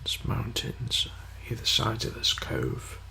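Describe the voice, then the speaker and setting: A man leading an ASMR guided meditation in a hushed, soothing, half-whispered voice with long pauses. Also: on the low side, big pitch swings, gravelly, a little hiss or hum.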